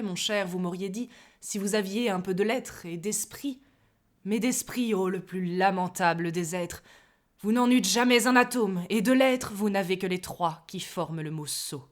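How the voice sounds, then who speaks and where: A proud, witty swordsman of the stage, acted by a woman declaims verse with hammy relish. The delivery is slow and deliberate at a medium pitch, switching tone sharply as each mocking line is savored. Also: close to an everyday voice. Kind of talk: theatrical verse monologue recitation.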